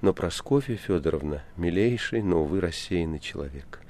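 A man's voice: sits low, normal speed, a little hiss or hum. A man doing a jittery, secretive hospital patient. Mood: hushed, wry. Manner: hushed, then wildly excited and pleading. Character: nervous secretive male asylum patient, late thirties.

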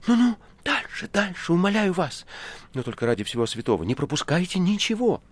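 A deep-voiced man reading a jumpy, hushed patient in his late thirties from an old storybook. He murmurs secretively, then his voice leaps high and begs eagerly. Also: normal speed. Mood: excited, pleading. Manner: hushed, then wildly excited and pleading.

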